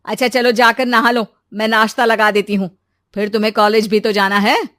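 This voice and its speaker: A woman's voice: fairly high pitch, flat delivery, moderate pace, fairly bright tone, lightly acted. A woman voicing a bossy but caring middle-aged mother who nags her daughter in a cartoon story. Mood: nagging. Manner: bossy nagging.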